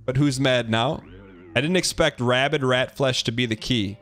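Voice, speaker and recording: A man's voice: medium pitch, moderate pace, a bit bright, soft background music, lightly acted. A man voicing a raving madman scientist from a video game, boastful and impatient. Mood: gloating, manic.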